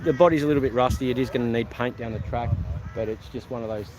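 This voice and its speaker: A man's voice: mid-range voice, fast, noisy background. A man with an Australian accent, live-streaming casual chat to viewers at an outdoor car show, rambling with lots of ums and restarts.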